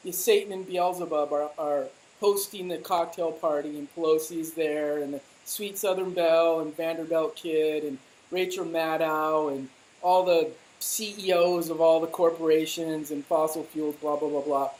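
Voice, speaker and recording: A woman's voice: sits low, steady tone, moderate pace, hardly any pauses, darkish tone, low-quality recording. Heated, mocking woman commentator. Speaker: political commentator. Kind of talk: casual political chat.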